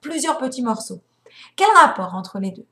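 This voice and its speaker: A young adult woman teaching a spiritual lesson, telling stories in an animated way and acting out the voices. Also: high-pitched, normal speed, soft background music. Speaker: religious teacher. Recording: roomy echo.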